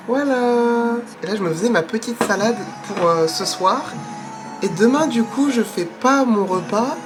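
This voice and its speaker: A young woman vlogging at home in a chatty, excitable way, exclaiming as she goes, recorded on a camera mic. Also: mid-range voice. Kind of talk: casual vlog chat. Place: at home, indoors.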